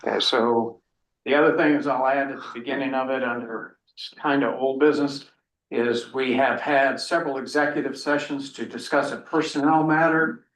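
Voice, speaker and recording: A man chairs a town selectboard meeting in a firm, procedural way. His mid-pitched voice carries some room echo from the hall. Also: fairly even intonation, moderate pace, a bit bright.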